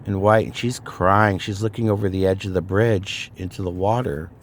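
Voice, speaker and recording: A man's voice: sits low, steady tone, moderate pace, a little hiss or hum. A middle-aged man from California casually telling a personal ghost story, rambling with fillers and restarts. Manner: rambling, frequent fillers and restarts, laughs at himself.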